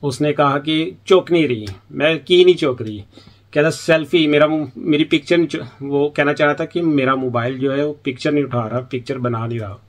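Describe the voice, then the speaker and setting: A man's voice: fairly high pitch, fairly even intonation, fairly quick. A man from Pakistan, an international student in the UK, giving chatty advice in a casual vlog and acting out little exchanges as he talks. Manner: chatty, acts out quoted exchanges.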